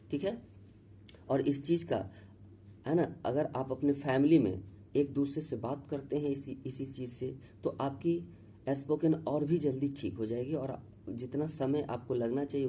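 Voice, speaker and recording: A man teaching a spoken English grammar lesson in Hindi. He talks slowly and repeats himself, spells words out letter by letter, and keeps checking in with the class. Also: mid-range voice, mellow, a little hiss or hum.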